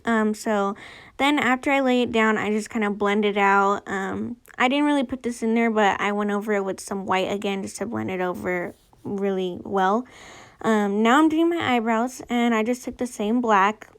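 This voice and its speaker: A woman's voice: medium pitch, moderate pace, clean tone. Lisping woman vlogger, chatty and informal. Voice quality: noticeable lisp from wearing a retainer. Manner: chatty, informal, girlfriend-to-viewer talk. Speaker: makeup tutorial vlogger. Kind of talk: casual makeup tutorial voice-over.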